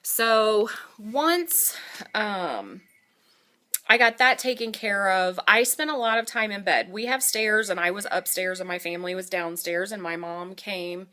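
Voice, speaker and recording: A woman talks casually and candidly, as if updating followers on her own life. Her voice is bright and clear-cut in tone, sitting at an average pitch. She is conversational, dropping in dry little asides as she goes. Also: measured pace. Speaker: vlogger giving a surgery recovery update. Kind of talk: casual personal storytelling to camera.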